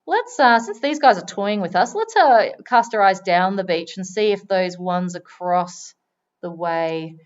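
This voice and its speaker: A woman giving chatty live commentary on a wildlife stream, now and then breaking into excited exclamations. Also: medium pitch, measured pace, lo-fi sound.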